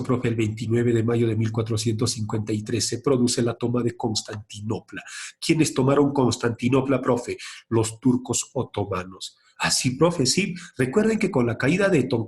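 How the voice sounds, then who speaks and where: A male teacher in front of his class, firing off a question and then giving the answer himself. His voice sits at an ordinary middle pitch but climbs sharply on each question, so the lesson has an eager, call-and-response feel. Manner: asks questions and answers them himself, lively rises in pitch.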